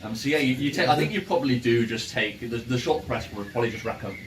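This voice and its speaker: Running a tabletop game in person, a fast-talking man with a mid-range voice chats with the players and narrates the action. The room sounds spacious, the microphone is far off, and background noise comes through clearly.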